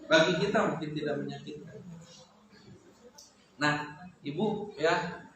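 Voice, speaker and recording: Male religious teacher, Sundanese accent, fairly high voice; conversational lecture style, recorded in a booming, echoey hall. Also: a bit bright. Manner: conversational, often addresses the women listening; mixes in local words, pauses with fillers. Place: hall at a weekly study gathering. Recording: very echoey hall, faint noise.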